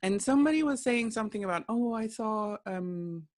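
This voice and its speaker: A woman singer talking on a video call podcast, telling stories in an animated way with laughs. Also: on the high side, fairly quick, dry recording, clean studio sound. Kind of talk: casual chat.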